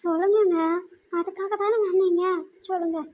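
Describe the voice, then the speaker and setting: A woman voicing a very high, anxious young woman. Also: fairly even intonation, warm tone. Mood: upset, sulky. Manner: fretful, emotional, quick to argue. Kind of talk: cartoon voice acting.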